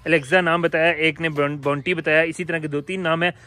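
Animated man chatting to his animals. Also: a little high, fairly quick. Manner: repeats "yaar" constantly, animated and coaxing. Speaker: vlogger with pet birds and animals. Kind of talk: casual chat to viewers.

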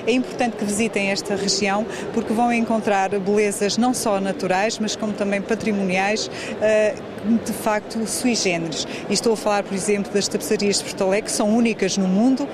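A woman in her forties, a municipal president, interviewed at a trade fair stand, inviting visitors and pausing with fillers. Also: mid-range voice, steady tone. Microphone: handheld reporter mic. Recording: background noise from fair hall.

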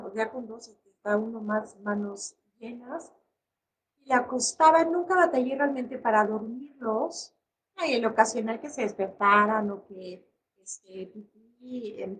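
A woman's voice: on the high side, a bit bright, low-quality recording. A Mexican woman psychologist giving a live online parenting talk, conversational, with many fillers and restarts.

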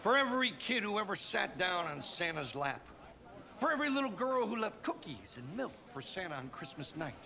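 A man's voice: high-pitched, sing-song, a little fast, vocal fry, sharp tone, full character voice. A middle-aged man playing a shady, brash con-man Santa in a film comedy, with a slangy, theatrical, sarcastic delivery. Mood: mock sincere.

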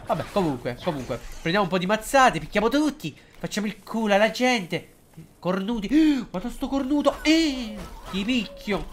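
A man giving casual, excitable and jokey live commentary while streaming a game, hesitant and halting whenever he switches into English. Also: high voice. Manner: excitable and jokey, swings between loud outbursts and mumbling.

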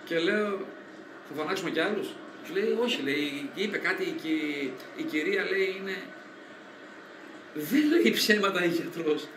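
Guy rambling through a story on a radio show, high lively voice, kinda echoey room with faint noise. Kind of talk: casual banter.

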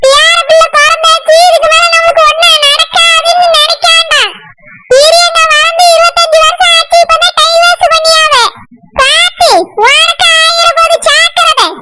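A woman voicing a sharp-tongued old village grandmother in a cartoon, lecturing the young women in Tirunelveli Tamil. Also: very high-pitched, little pitch movement, normal speed. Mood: scolding. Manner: lecturing, scolding. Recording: loud background noise.

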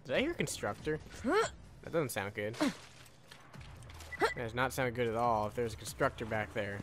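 A gaming YouTuber gives casual live commentary over faint video game sound, muttering questions to himself and swearing mildly. His mid-range voice has a sing-song lilt at a moderate pace, and the background is noisy.

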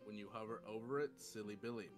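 A man's voice: fairly low pitch, fast. A man playing a game alongside his girlfriend on a stream. He chats casually and teases her. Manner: teasing and animated. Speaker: co-player, the streamer's boyfriend. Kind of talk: casual gaming banter. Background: game music.

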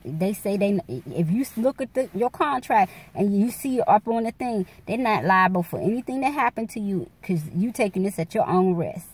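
A woman's voice: mid-range voice, a little mellow. A woman in her forties talking candidly to her phone camera at night, rambling and calling her viewers y'all. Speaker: vlogger. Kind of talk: casual chat to camera. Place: dark room at night. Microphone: phone camera held close.

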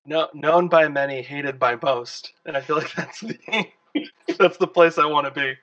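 A man's voice: on the high side, steady tone, a little slow, a bit bright, distant mic, highs cut off. A man appearing as a guest on a casual show, joking and self-deprecating. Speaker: guest commentator. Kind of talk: casual podcast chat.

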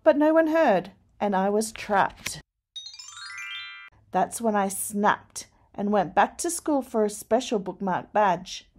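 A woman reads a children's picture book aloud at an unhurried pace. Her voice is mid-pitched and expressive, rising for the scary moments. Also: soft background music. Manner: slow, deliberate storytelling. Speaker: storyteller.

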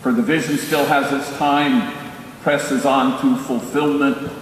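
An older priest gives a solemn commencement address, speaking very slowly and deliberately. His voice carries from far off through a big church with a long, booming echo. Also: little pitch movement, slight background noise. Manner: slow, solemn. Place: large church.

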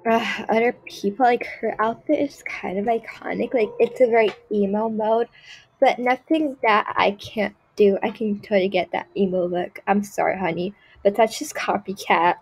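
A woman voices a spoiled rich girl in a role-play skit set to gameplay, sounding snooty, haughty and dismissive with plenty of "like" and "ew." Her mid-range voice is slightly rough and keeps a steady tone at normal speed, recorded in low quality.

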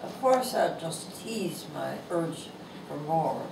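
A Canadian woman in her nineties reads her own funny essay in a bookstore, slow, gentle and amused, yet animated. Her low, thin voice lacks strength and shows vocal fry. The footage, shot across the room with a lapel mic, has echoey, distant shop audio and background noise.

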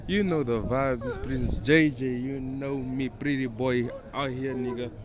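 A man's voice: medium pitch, fairly even intonation, a little slow. A young man talking in a laid-back, slangy way in a casual street interview. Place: outdoor market square. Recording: crowd noise outdoors.

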